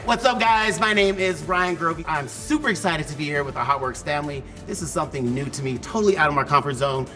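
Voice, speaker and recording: A man's voice: on the high side, quick pace, few pauses, bright, forceful tone, faint music behind. A man competing in a fitness contest, introducing himself in an upbeat, casual way. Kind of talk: self-introduction to camera.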